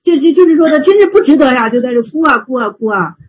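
A woman giving a Buddhist dharma talk, retelling a Zen story in an animated, repetitive, emphatic way. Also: high voice, fast talker, low-quality recording. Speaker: Buddhist teacher.

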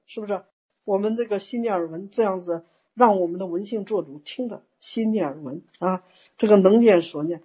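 A woman teaching a Buddhist Dharma talk in an animated, exclamatory way, acting out inner thoughts. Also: medium pitch, slightly rough, highs cut off.

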